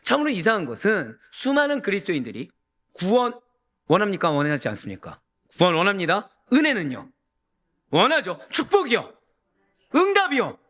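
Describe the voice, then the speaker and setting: A man preaching a sermon as a pastor, emphatic and full of rhetorical questions to the congregation, rising to near-shouts. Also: high-pitched, huge pitch swings, normal speed.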